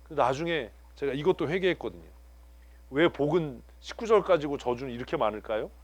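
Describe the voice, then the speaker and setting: Male pastor, lively sermon, pitch all over, faint hum behind, Korean. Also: a little fast, dry recording. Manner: animated, swings from hushed to loud, laughs often. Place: church sanctuary.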